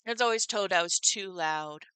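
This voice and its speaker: A woman's voice: fairly low pitch, normal speed, sharp tone, clear, resonant tone, no echo. A middle-aged woman hosting her own livestream, chatting casually with viewers and laughing often. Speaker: livestream host. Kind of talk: casual chat with live viewers.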